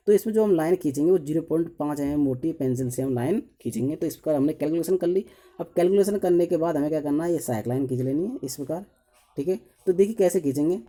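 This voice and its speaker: A man's voice: on the high side, dark tone. A man teaching an engineering drawing lesson step by step. He counts lines aloud as he draws, says 'okay' after nearly every step, and asks himself questions before answering them. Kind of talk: step-by-step tutorial while drawing.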